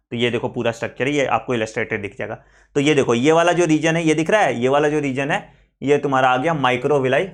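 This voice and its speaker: A man with an Indian accent giving an online biology lecture for exam preparation, switching between Hindi and English terms and often checking in with his students. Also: medium pitch. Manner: mixes Hindi with English terms, repeats key phrases, frequent "ठीक है" check-ins; slows right down to spell out technical terms. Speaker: biology teacher.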